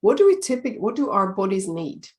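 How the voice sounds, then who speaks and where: Calm Swedish-accented woman giving tips. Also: mid-range voice, fast talker. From Sweden. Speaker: time-management coach. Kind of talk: video tip talk.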